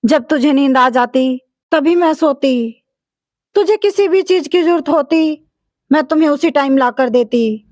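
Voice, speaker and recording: A woman voicing a gentle elderly mother. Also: high voice, lively intonation, unhurried, dry recording. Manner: gentle, soft-spoken. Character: elderly mother, patient and loving.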